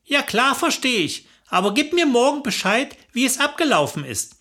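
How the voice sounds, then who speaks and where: A woman's voice: sits high, moderate pace. A woman voicing an eager, chatty older female friend on the phone, in a raised voice. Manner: excitable, chatty.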